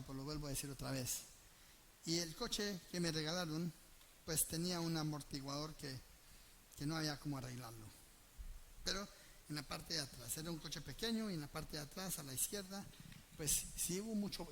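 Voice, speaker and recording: A man preaching in a high, animated voice at a church gathering. He tells his own story, fires questions at the congregation and acts out the dialogue, with faint noise under the recording. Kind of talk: sermon with personal storytelling.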